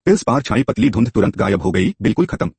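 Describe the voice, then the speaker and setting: A man's voice: lowish voice, sing-song, fast talker, creaky, darkish tone, husky. A man narrating a story in a scripted telling and voicing its characters himself.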